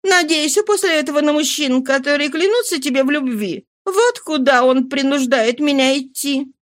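A woman's voice: high voice, moderate pace, pitched above the performer's own voice, close to an everyday voice. A woman voicing a flighty, impatient young woman who scolds and exclaims. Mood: irritated.

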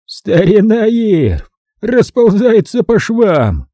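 Man doing a hoarse, bellowing studio boss. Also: on the high side, very animated, normal speed, dry recording, voice pushed up. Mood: gloating. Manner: shouts and gloats. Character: blustering loud middle-aged male studio boss.

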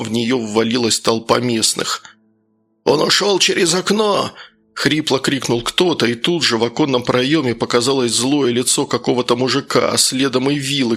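Gravelly male narrator, tense thriller reading, faint music bed. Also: mid-range voice, a bit bright. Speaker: audiobook narrator. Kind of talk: scripted narration.

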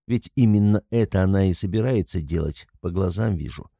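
Middle-aged guy reading an audiobook, low mellow voice, wry and teasing, dry close mic. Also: fairly quick, husky, no echo. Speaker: audiobook narrator. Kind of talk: first-person audiobook narration.

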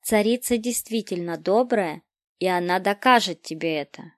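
A woman voicing a gentle kindly empress. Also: mid-range voice, moderate pace, no room sound, clean studio sound, close to an everyday voice. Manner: kind, soft-spoken. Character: gentle, stout middle-aged empress.

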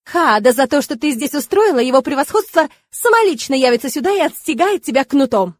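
A woman's voice: high voice, animated, a little fast, no echo, voice pushed up. A woman voicing a spiteful, screeching middle-aged nun who scolds with venom. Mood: venomous.

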